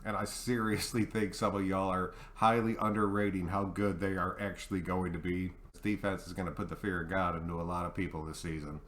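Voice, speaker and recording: A man's voice: low voice, level tone, brisk, few pauses, fairly bright tone, slight background noise. An American man hosting a sports fan channel, talking to viewers in a hyped, emphatic, casual way with some mild swearing. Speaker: host of a football fan channel.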